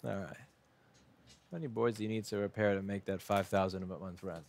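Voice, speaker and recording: Repair shop owner, low and gravelly, chatty live commentary to viewers. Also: male voice, steady tone, brisk, a little mellow. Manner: casual, chatty, talks to chat while working.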